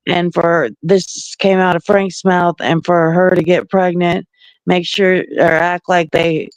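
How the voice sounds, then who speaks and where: A man in his forties in a casual group chat, recounting events in a halting way. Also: sits high, dry recording, poor audio. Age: 40s. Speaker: panel guest.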